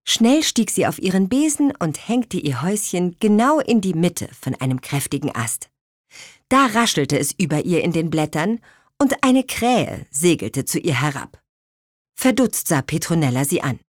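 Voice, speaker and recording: A woman narrating a children's storybook in an expressive, unhurried way. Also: on the low side, dry recording, clean studio sound.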